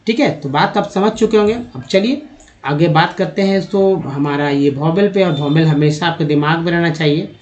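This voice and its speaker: A man giving a spoken lesson on reading English words, explaining patiently, spelling letters out slowly and repeating words, addressing viewers as friends. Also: a little high, a little mellow, dull audio. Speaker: English teacher.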